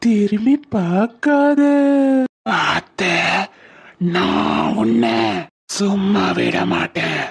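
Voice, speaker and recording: A woman voicing a vengeful female ghost in a cartoon, speaking slowly and threateningly. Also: fairly low pitch, big pitch swings, creaky, husky, voice pushed down, exaggerated voice. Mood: menacing. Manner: slow, threatening, drawn-out. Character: menacing vengeful female spirit.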